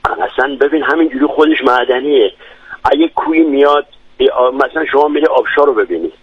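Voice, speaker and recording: A man's voice: medium pitch, slightly rough. A man from Lorestan, a radio guest who describes his home village eagerly, with frequent hesitations. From Lorestan, Iran. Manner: enthusiastic, descriptive, many hesitations. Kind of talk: radio interview. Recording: dry, dull lo-fi radio sound.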